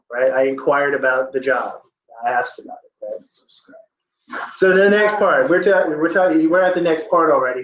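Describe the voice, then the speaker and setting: Playful male tutor quizzing a class. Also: a little high. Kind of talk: online test-prep class. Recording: echoey, dull lo-fi sound.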